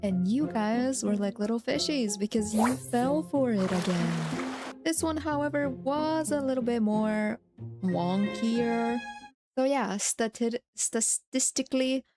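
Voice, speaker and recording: A woman narrating her vlog from a script in a playful, self-mocking way, on a crisp new microphone. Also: a little high, animated, unhurried. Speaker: VTuber content creator. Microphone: new studio microphone. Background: background music.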